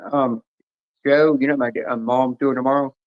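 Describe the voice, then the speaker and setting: A man's voice: medium pitch, steady tone, a little fast. A man chatting casually on a stream, rambling through long stories. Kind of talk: casual chat. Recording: dull lo-fi stream audio.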